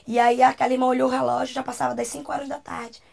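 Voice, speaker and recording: A woman's voice: high-pitched, flat delivery, quick pace, vocal fry, a little mellow. A woman with a Brazilian Portuguese accent, a talk show guest, telling a personal testimony with emotion and acting out the voices she quotes.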